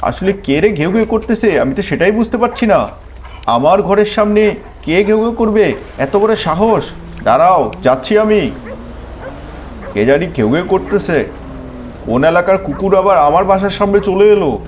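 A man's voice: high voice, expressive, moderate pace, long pauses, slight background noise, pitched below the performer's own voice. A man voicing a young, scrappy talking pet dog who boasts and guards his turf. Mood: boastful.

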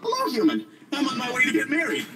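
A man's voice: very high voice, wildly swooping pitch, quick pace, distant mic, very noisy, heavily acted. A man voicing a chirpy, cheerful robot customer in a video game, with a bubbly, sing-song delivery.

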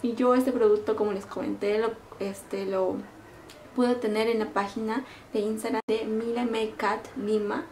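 A middle-aged woman vlogger demonstrating makeup in a casual, excited, gushing way, full of fond little diminutives. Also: fairly high pitch, unhurried, a little hiss or hum. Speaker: beauty vlogger. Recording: echoey room.

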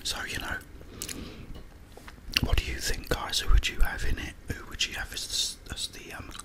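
Whispering man eating crunchy fried chicken. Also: moderate pace. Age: middle-aged. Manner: hesitant, rambling. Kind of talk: whispered ASMR mukbang ramble. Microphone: close desk microphone with foam windscreen.

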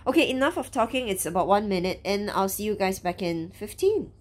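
A young woman talks casually with a sheet face mask on, her voice rising and falling in a lively way. She drifts and hunts for words as she describes how her skin feels. She is recorded indoors on a camera mic. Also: mid-range voice, fairly quick. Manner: chatty, trailing off and searching for words. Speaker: beauty reviewer. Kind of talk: casual product review.

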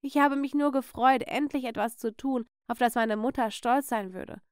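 A woman voicing a kind, gentle teenage girl who speaks softly. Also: sits high, moderate pace, clean tone, no room sound, studio quality, natural voice. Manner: soft, comforting.

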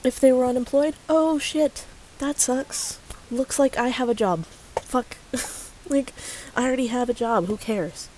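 A woman's voice: high voice, unhurried, darkish tone, a little hiss or hum, rough recording. A woman vlogging to a commenter, sarcastic and profane, often breaking into laughs. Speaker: YouTuber responding to a commenter. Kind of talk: casual ranting vlog.

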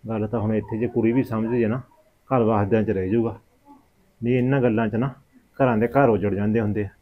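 A man acting a sober village headman in a drama, giving measured advice with a Punjabi accent. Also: fairly low pitch, fairly even intonation, phone-quality sound, lightly acted. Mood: sober, advising. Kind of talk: short-film family drama acting.

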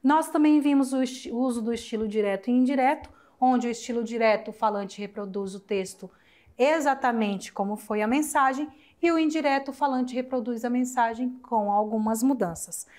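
Young adult Brazilian woman, school teacher on recorded lesson, chatty and warm toward students, slow word-by-word drills. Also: fairly high pitch. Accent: Brazilian Portuguese. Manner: affectionate, chatty, asks rhetorical questions and answers them; spells out words slowly syllable by syllable. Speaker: Spanish teacher. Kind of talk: recorded online class explanation.

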